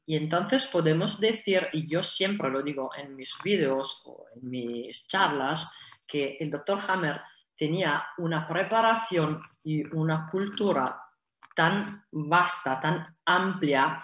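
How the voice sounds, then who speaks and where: An Italian woman in her forties speaks as a guest in an online conference Q&A from a room at home, her video call audio roomy and echoey. Her voice is low yet fairly bright, and she talks slowly and haltingly, with many fillers and restarts, gesturing with her hands.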